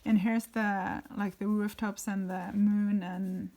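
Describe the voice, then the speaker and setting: A woman's voice: mid-range voice, flat delivery, slow pace, darkish tone. A woman from Norway, chatty and rambling with plenty of fillers, giving a casual flip-through narration of her bullet journal indoors.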